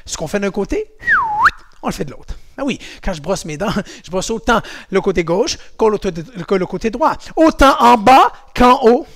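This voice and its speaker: A man's voice: sits high, vocal fry. A man teaching a kids' karate class, calling out kicks with lots of energy and whoosh sounds. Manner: energetic, shouts commands and makes whoosh sounds. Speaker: karate instructor. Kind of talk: kids' martial arts class.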